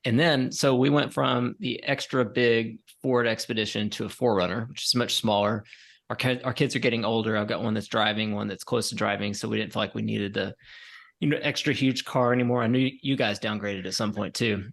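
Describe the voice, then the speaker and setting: A man in his forties co-hosting a podcast, telling a rambling story in a relaxed, tired way with many fillers. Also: on the low side, brisk, creaky. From Colorado, USA. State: tired, yawning. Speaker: podcast co-host. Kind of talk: casual chat.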